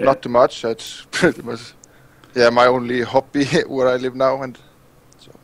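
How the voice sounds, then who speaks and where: A man from Iceland, calling in to a show and speaking halting English as he searches for words. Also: mid-range voice, flat delivery, no echo, rough recording. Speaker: caller. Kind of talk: casual phone-in chat.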